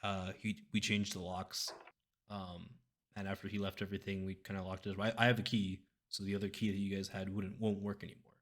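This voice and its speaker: A man's voice: sits low, little pitch movement, a little fast, fairly bright tone, a little hiss or hum. A man narrating a tabletop game as game master in a loose, informal way. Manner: informal, says y'all and like.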